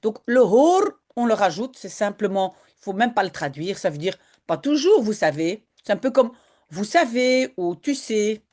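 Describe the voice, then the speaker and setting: A woman language teacher who reads a story clearly and deliberately aloud, then explains words with quick asides. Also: mid-range voice, expressive, darkish tone.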